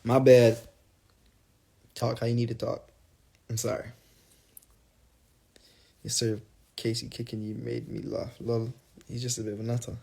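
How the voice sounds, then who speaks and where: A man's voice: mid-range voice, little pitch movement, a little slow, vocal fry, pauses often, dark tone. A young man casually reading fan questions aloud and answering them on a phone livestream, rambling and playful. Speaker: singer answering fans on a livestream.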